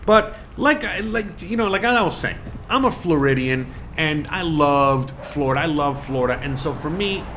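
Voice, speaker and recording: A man's voice: on the high side, expressive, normal speed, hardly any pauses, a bit bright, a little hiss or hum. A man in his forties from Miami, talking in a casual vlog monologue, rambling and emphatic with lots of fillers. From Miami, USA. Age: 40s. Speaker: vlogger.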